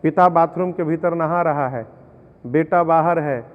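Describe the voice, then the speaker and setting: A man gives a preacherly devotional discourse in a fairly high voice. He explains verses homely examples, then chants them slowly. The sound is tinny and narrow, a long hall reverb behind it. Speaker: religious storyteller.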